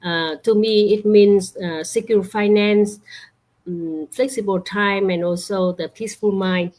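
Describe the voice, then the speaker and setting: A woman from Vietnam hosting an online talk, halting and full of fillers over a video call. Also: mid-range voice, fairly even intonation, darkish tone. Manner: slow, halting, many fillers. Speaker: host. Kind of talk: online interview introduction.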